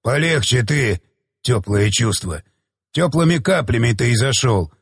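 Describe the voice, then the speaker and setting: A man voicing a gruff, jealous middle-aged father who talks in crude, curt growls. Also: a little high, animated, moderate pace. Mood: grumbling.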